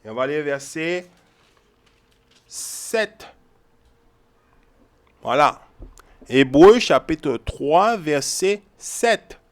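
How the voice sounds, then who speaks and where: A man's voice: fairly high pitch, animated, drawn-out words, long pauses. A man giving informal Bible teaching, repeating his points with emphasis and often checking in with his listeners. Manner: repetitive, emphatic, keeps checking in with "ok?" and "hein?".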